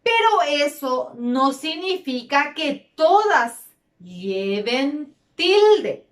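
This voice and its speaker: A woman's voice: high voice, big pitch swings, extremely slow. A woman teaching a grammar lesson to children, repeating key words and stretching words out. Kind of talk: slow, deliberate classroom lesson. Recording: roomy echo.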